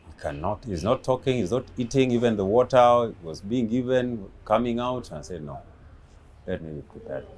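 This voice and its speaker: A man in his fifties, raised in Kenya, answering interview questions about his son in a slow, halting way with many pauses and fillers. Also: mid-range voice, expressive, background noise. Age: 50s. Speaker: interviewee, father of the late comedian.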